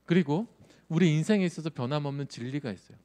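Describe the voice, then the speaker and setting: This male youth pastor has a fairly high, warm voice and talks fast. His sermon feels like a conversation, and he often poses questions to the audience.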